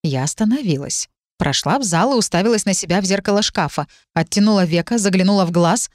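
A woman reading a first-person story aloud as audiobook narrator, even and measured. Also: medium pitch, no room sound, studio quality.

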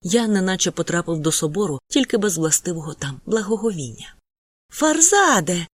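An audiobook narrator reading a first-person novel in an even, descriptive manner. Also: medium pitch, fast talker, no echo.

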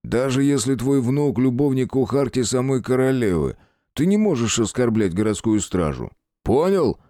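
A man's voice: medium pitch, animated, normal speed, dark tone, no echo, studio quality, voice pushed up, natural voice. A man voicing an irritated jail guard who barks and sneers at a prisoner in an audiobook. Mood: barking. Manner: barking and sneering.

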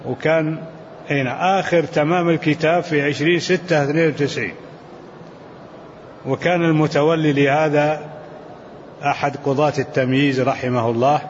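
An older man giving a scholarly lesson, his voice a little high, reading texts in a chanting lilt and explaining them at an unhurried pace. The recording is dull and lo-fi, with a faint hiss behind him. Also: fairly even intonation, in a large hall. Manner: measured, reads quoted texts in a chanting lilt. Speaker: sheikh teaching a commentary.

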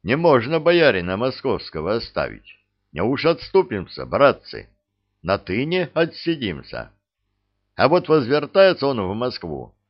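A man reading the part of a stern, commanding Cossack chieftain in a gruff, measured way. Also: mid-range voice, huge pitch swings, dull audio. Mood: rousing.

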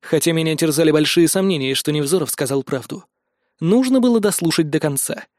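A man narrating a first-person story in a dramatic, expressive way. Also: on the high side, a little fast, no room sound, studio quality. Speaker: audiobook narrator.

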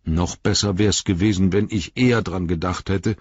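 A man's voice: low-pitched, steady tone, normal speed, husky, dry recording, highs cut off. A man doing Sam, a frantic loyal hobbit. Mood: relieved. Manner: calls out loudly and urgently. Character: loyal anxious male hobbit servant, shouting.

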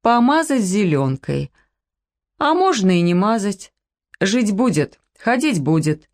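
A woman voicing a calm male veterinarian who speaks slowly and drags out his words in a deadpan way. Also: mid-range voice. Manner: slow, drawn-out, deadpan. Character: calm, dry, unhurried older male vet.

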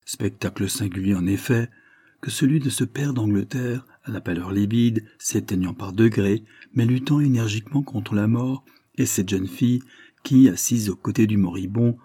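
A man reading a classic novel aloud in a measured, literary narration. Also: on the low side, mellow, slightly rough, no room sound. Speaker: audiobook reader.

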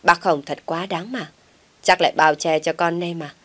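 Woman doing a snappy vain village wife, low voice, nagging. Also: steady tone, a little fast, darkish tone, natural voice. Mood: indignant. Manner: scolding, snappish. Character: sharp-tongued middle-aged village wife, vain.

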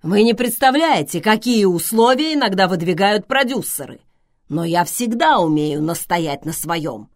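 Woman doing a brash man, loud, boastful, blustering, storybook reading. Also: medium pitch, animated, normal speed, close to an everyday voice. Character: boastful battered man, brash film-world type.

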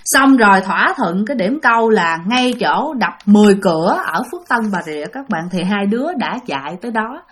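A woman hosting a channel and telling a ghost story aloud, speaking chattily to her listeners with dramatic pauses. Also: mid-range voice, animated. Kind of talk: spoken ghost story narration.

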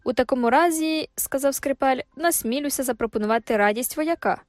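A woman voicing a cheerful male village fiddler in an audiobook, asking in a lively, showy way. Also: high voice, fast talker, no room sound, clean studio sound, voice pushed up, natural voice. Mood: eager.

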